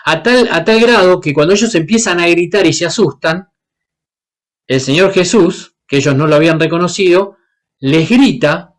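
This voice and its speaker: A man's voice: high-pitched, normal speed. A man from Paraguay, preaching a sermon and asking the congregation questions as he acts out the Bible characters. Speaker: guest preacher.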